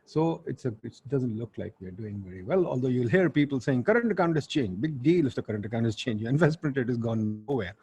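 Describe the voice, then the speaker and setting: A man's voice: mid-range voice, lively intonation, fast, few pauses, warm tone, husky. A man with a Pakistani accent hosting an online webinar in an informal, blunt way, with Urdu asides. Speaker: webinar host and moderator. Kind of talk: informal spoken webinar introduction.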